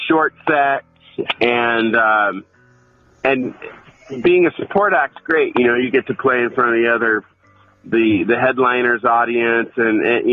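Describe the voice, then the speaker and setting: A man's voice: mid-range voice, no room sound, phone-quality sound. A man, a touring band member, chatting loosely in an interview with lots of fillers. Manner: laid-back, loose, full of fillers and restarts. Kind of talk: casual interview chat.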